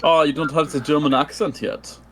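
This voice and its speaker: Slightly high-voiced joking man. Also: steady tone, a little fast. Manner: joking, dry banter. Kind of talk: casual chat.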